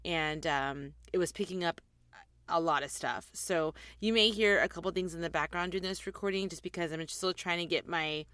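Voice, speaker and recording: A woman in her forties talks her way through a casual podcast episode, rambling and filling gaps with ums. Her voice sits slightly low. She records inside a closet on a desktop mic, so the sound is very dry and close, with no room echo. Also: normal speed, a bit bright. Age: 40s. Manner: chatty and rambling, with frequent ums. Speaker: podcast host. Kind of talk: casual chat. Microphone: desktop USB microphone.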